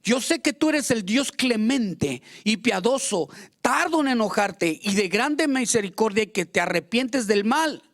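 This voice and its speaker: A man's voice: high voice, animated, a little slow, a bit bright. A man preaching a fervent sermon as pastor, acting out quoted prayers and complaints.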